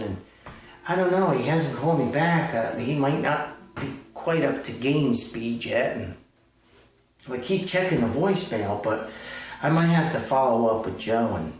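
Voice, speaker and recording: The man, an author running his own comedic podcast, offers a folksy, hesitant monologue that rambles casually and plays at being self-important. His mid-range voice is picked up from a distance, off mic, in an echoey room with music.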